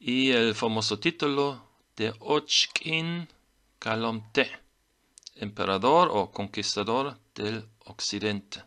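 Slow, bright-voiced man explaining glyphs. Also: lowish voice. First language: German. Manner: slow, deliberate reading of glyph names. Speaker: teacher of Maya writing. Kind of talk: explanatory lesson.

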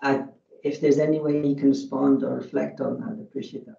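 A man's voice: medium pitch, little pitch movement, brisk, vocal fry, dark tone. A middle-aged man from Afghanistan on a video call, reflecting aloud on a talk he has just heard in a casual, thoughtful way. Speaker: audience member asking a question. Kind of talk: casual academic discussion. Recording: dull, roomy, distant laptop sound.

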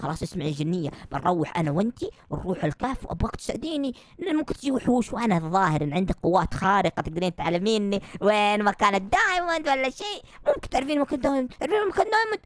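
A woman giving excitable, shouty, playful commentary while role-playing a game. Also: medium pitch, racing, hardly any pauses, no room sound. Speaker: gaming YouTuber.

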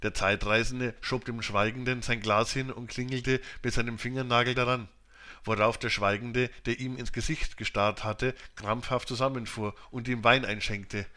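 A man narrates a classic novel as an audiobook. His voice sits at a middling pitch, and he reads in a steady, measured way. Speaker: audiobook reader.

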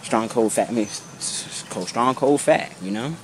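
Standing under trees next to a brick building, a man in his twenties vlogs with a camera held low at arm's length. His medium-pitched voice, at a moderate pace over background noise, sounds sick and slightly off. He rants casually, full of "you know," "bro," and free swearing.

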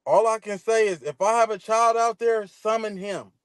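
A man's voice: high-pitched, clean tone, no room sound. A man whose voice sits well above most men's, heard dry and close over a video call. He answers questions on a live stream defensively, circling back to the same words and stumbling through restarts. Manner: defensive, repetitive, halting restarts.

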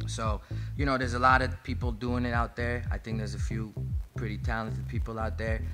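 A young rapper talking casually in a TV studio interview, laid-back and full of "you know" fillers. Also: male voice, medium pitch, flat delivery, moderate pace, music in the background. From Armenian-American, raised in Amsterdam. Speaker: rapper guest. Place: TV studio set.

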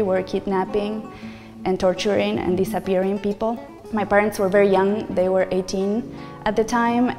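A woman's voice: mid-range voice, darkish tone, long reverb tail. A woman in her forties from Argentina, Spanish her first language, an artist speaking earnestly and reflectively about her work in a gallery. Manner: earnest, reflective, gestures as she talks. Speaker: visual artist. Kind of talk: gallery talk to camera. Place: large bright art gallery indoors.

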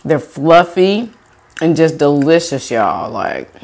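A woman's voice: low-pitched, sing-song, slow, a little mellow. A young woman hosting a mukbang, chatting casually while she eats and giggling as she reads out viewer comments. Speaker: mukbang host. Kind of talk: casual chat while eating on camera.

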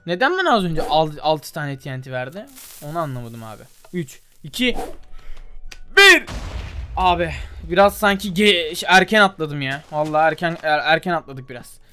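Young male gaming host, slightly high voice, loose muttering commentary over soft game music. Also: very animated, normal speed. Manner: chatty, mutters while trying, calls viewers "abi" and "gençler". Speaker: gaming YouTuber. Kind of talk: casual gameplay commentary.

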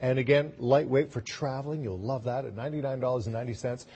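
A man working as a home shopping host, giving a live televised sales pitch. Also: fairly even intonation, quick pace, mellow, husky.

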